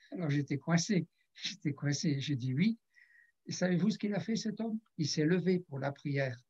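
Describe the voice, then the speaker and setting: Un pasteur âgé qui raconte un témoignage en prédication, en jouant les dialogues et en se raclant souvent la gorge. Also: male voice, on the high side, normal speed, a little mellow, lo-fi sound. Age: older. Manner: storytelling, acts out dialogue, frequent throat clearing. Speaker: pastor. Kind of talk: sermon testimony.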